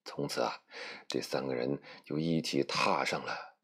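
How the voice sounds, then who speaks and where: A man's voice: rumbling low, unhurried, gravelly, fairly bright tone, slightly rough. A man telling a comic fairy tale in a chatty, playful way with folksy asides. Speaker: storyteller. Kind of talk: comic storytelling.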